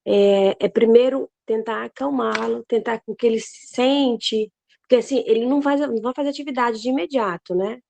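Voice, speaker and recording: A woman student asking questions haltingly, with many restarts. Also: fairly high pitch, gravelly, a little mellow, a little hiss or hum. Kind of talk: hesitant questioning. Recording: dull lo-fi audio.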